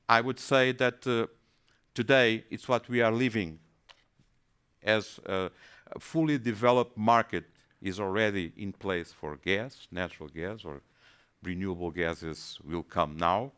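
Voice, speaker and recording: A man presenting in a webinar, his voice low and smooth. He hesitates often, repeating words as he searches for the next phrase. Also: a bit bright. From Portugal. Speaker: panelist.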